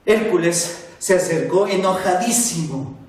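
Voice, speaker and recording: A man with a fairly high voice narrating a children's story slowly and expressively. The recording is very echoey and distant, as if from across a bare room. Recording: echoey room, far from mic.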